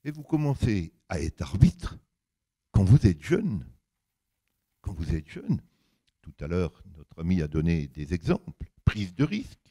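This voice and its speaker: A slightly rough, big and deep voice belongs to an older man delivering an anecdotal public talk a little slowly. He's animated, colloquial and emphatic in his storytelling, voicing the dialogue he reports.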